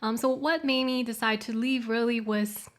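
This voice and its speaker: A woman's voice: a little high, steady tone, moderate pace. A woman in her thirties from Taiwan, raised in Canada, telling her story as an interview guest in an easygoing way. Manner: easygoing, laughs often. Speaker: guest, yoga studio founder. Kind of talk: interview conversation.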